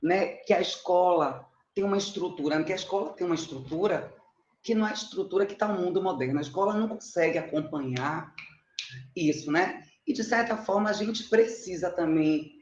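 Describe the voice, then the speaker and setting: A middle-aged woman from Salvador, speaking with a Bahian Brazilian Portuguese accent, has a fairly low, slightly mellow voice and talks fairly quickly. She is a mathematics teacher presenting her research informally on an online conferencing platform, chatty and self-deprecating, often checking in with her listeners. The audio is muffled and roomy, typical of an online call.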